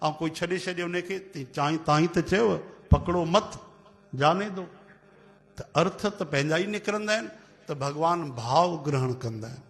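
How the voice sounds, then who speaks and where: A man with a somewhat high voice tells devotional stories to a gathering. He is animated and acts out the people in his tales, and his voice rings with a long hall reverb. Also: moderate pace, vocal fry. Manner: animated, acts out quoted voices, calls out chants. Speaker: religious storyteller. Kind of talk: devotional sermon storytelling.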